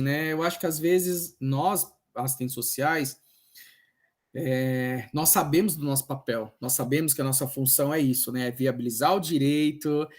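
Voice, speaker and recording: A man with a Brazilian accent, a social worker at a health unit, telling work anecdotes at an open class and acting out the voices he quotes. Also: mid-range voice. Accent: Brazilian Portuguese. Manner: animated storytelling, acts out quoted voices.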